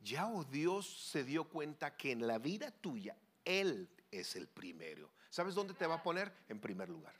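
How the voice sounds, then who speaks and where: A man preaching a sermon as a pastor, swinging between loud pleading cries and hushed, low asides. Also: sing-song, unhurried, few pauses. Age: 40s or older.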